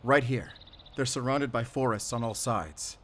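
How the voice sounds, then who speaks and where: In a cinematic audio drama, a man plays a determined, defiant investigator on the run, speaking with focused, deliberate intensity. His medium-pitched voice is expressive, unhurried, and a bit bright.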